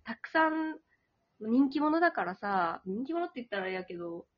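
A lively young woman chats casually as a host, her pitch bouncing high and low. Her voice is a little husky and sits somewhat high. The recording sounds dull and lo-fi. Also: moderate pace. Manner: laughs often, animated, acts out quoted reactions. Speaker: podcast host. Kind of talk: casual chat. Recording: dull lo-fi audio.

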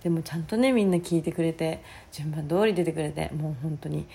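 A woman with a hoarse, raspy voice talking casually on her own as a podcast host. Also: low voice, fairly quick, mellow. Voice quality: husky, raspy. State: hoarse voice, worn out from the day before. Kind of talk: casual solo chat.

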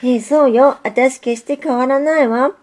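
A bashful young female railway signal from a storybook, demure and politely self-effacing, played by a woman reading aloud. Her voice rides above the narration, warm and mellow. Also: high-pitched, steady tone, unhurried, voice pushed up. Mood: shy.

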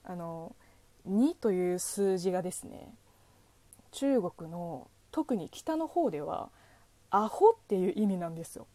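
A woman's voice: on the low side, sing-song, a little slow, warm tone, no room sound. A woman from China with a Chinese accent, hosting a solo podcast and answering a listener letter with playful, teasing asides. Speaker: podcast host.

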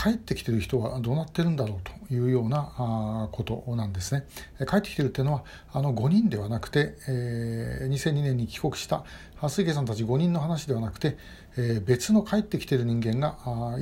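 A man's voice: medium pitch, dark tone, husky. A middle-aged man hosting a short message broadcast, speaking casually and with many hesitation fillers, recorded on a camera. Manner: measured, with frequent hesitation fillers. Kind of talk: casual spoken commentary. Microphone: phone or webcam video selfie.

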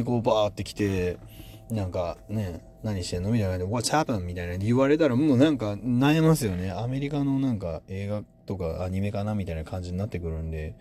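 A man's voice: sits low, a little fast, warm tone, slight background noise. A man with a Kansai accent who hosts a casual solo talk podcast and muses aloud in a rambling, playful way. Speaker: podcast host.

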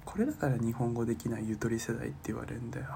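A young man in his twenties doing a comic solo podcast, deadpan and self-mocking, murmuring his inner thoughts. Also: medium pitch, rapid-fire, vocal fry, a little hiss or hum. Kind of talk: comic monologue.

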